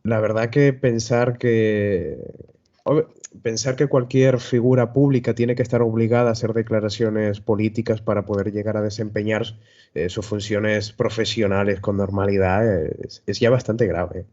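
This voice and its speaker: Panelist, male, fairly low and dark in tone, sounds argumentative, muffled lo-fi audio. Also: moderate pace. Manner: steady, argumentative, raises points. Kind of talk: debate talk. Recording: dull lo-fi audio.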